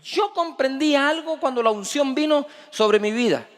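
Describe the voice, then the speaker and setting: A middle-aged man, preaching a sermon as a pastor, lively, full of rhetorical questions, swinging between loud and soft. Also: extremely high pitch, moderate pace. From Guatemala. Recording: long reverb of a large hall.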